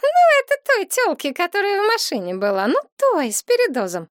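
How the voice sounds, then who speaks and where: A woman voicing a bratty, greedy bleached young woman in an audiobook, squeaky and capricious. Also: wildly swooping pitch, fairly quick, no room sound, studio quality, full character voice. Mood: whiny. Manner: shrill and capricious.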